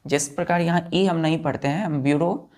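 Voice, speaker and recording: A man with a slightly high, slightly mellow voice teaches exam vocabulary in English at a brisk pace with fairly even intonation. Patiently, he repeats key terms, spells them letter by letter and checks that everyone follows.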